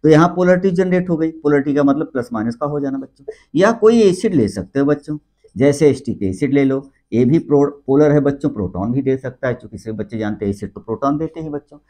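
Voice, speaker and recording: A man's voice: mid-range voice, lively intonation, fast talker, warm tone. A man teaching a chemistry class in Hindi with English terms mixed in, often addressing the students as children and answering his own questions. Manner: keeps calling the students "बच्चों"; repeats key terms with rising and falling emphasis. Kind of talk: classroom lecture.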